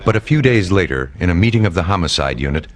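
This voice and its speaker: Very deep, ominous horror-trailer narrator man. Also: lively intonation, fast talker. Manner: dramatic, ominous delivery. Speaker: documentary narrator. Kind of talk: scripted true-crime narration, horror trailer voice. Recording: loud music under voice. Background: loud music.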